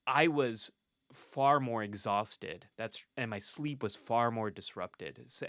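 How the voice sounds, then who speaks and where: Man, clinical psychologist, interview guest, earnest and reflective, laughs between thoughts, bright tone, dry close sound. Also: lowish voice, clear, resonant tone, no echo. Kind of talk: candid conversational storytelling.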